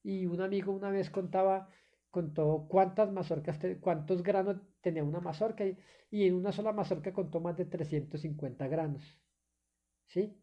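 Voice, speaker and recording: A woman's voice: on the low side, normal speed, highs cut off. A woman preaching a sermon, addressing the listener formally and often checking they follow, with hesitant fillers between phrases.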